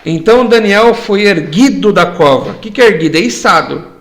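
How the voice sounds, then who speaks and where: A man's voice: sits high, expressive, a little fast, a bit bright. A man teaching a church Bible study, explaining words through rhetorical questions.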